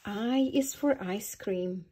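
A woman reading a children's picture book aloud at storytime, pausing to ask the young listeners questions. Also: mid-range voice, dark tone, breathy edge. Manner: slow, sing-song, asks the young listeners questions. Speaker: early years storytime reader.

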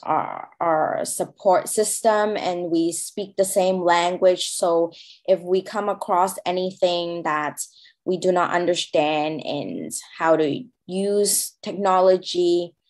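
Speaking at a fairly low pitch, a Cantonese-accented woman from Hong Kong answers in an interview, using English as a second language. She is halting, with many fillers and restarts.

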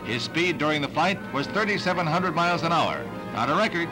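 Man, American accent, 1950s newsreel narrator, dramatic announcer delivery, higher voice, loud music underneath. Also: animated, fairly quick. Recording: vintage newsreel soundtrack.

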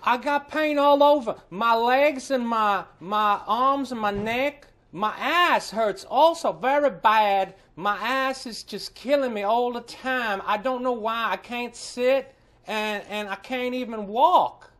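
A man's voice: very high voice, slow pace, fairly bright tone, heavily acted. A man playing a needy, pain-ridden male prank caller who pleads insistently in folksy, nonstandard grammar. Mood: suffering, complaining. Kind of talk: prank phone call.

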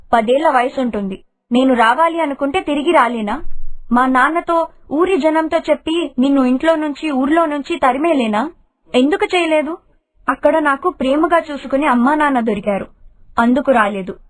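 A devoted young daughter from an animated storybook, put on by a woman narrator, gentle but resolute and earnest. Her voice sits very high. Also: lightly acted. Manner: earnest, heartfelt.

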